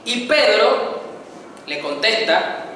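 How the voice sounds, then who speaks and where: Male preacher, bright-voiced, teaching sermon, distant mic in a reverberant hall. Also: high voice, very animated, takes it slowly, slight background noise. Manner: teaching, explains Greek words, dramatizes quoted dialogue. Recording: echoey hall, voice from a distance, soft music.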